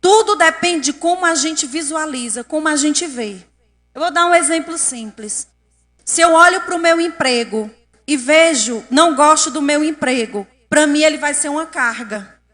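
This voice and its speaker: A woman's voice: sits high, normal speed, a bit bright. A woman giving a lecture to an audience in a council chamber, often asking the audience questions. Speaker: speaker at a public event. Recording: long hall reverb.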